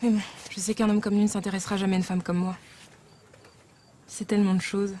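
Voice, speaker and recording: An actress playing a gentle, lovelorn young plantation slave woman, soft-spoken and earnest, in a period film. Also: mid-range voice, level tone, fast, a little hiss or hum, lightly acted. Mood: wistful, shy.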